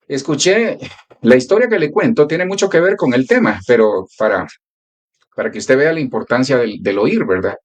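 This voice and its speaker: Lively-voiced male pastor teaching. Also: medium pitch, normal speed, muffled recording. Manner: prayerful, then storytelling and teaching. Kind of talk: teaching sermon in church.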